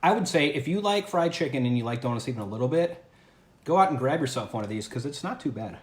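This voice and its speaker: A man's voice: medium pitch, expressive, fast talker. A man hosting a casual home livestream, talking upbeat and chatty while he tries food, often restarting his sentences. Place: at home, indoors. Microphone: camera or phone mic on a livestream. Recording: echoey room with faint background ambience.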